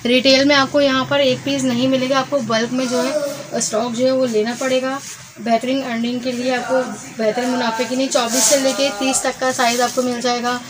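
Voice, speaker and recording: Here a woman talks briskly in a high, flat voice, showcasing wholesale goods inside a garment shop full of fabric. Her Pakistani-accented sales patter is casual, repetitive, and sprinkled with English, and the phone recording carries clear background noise.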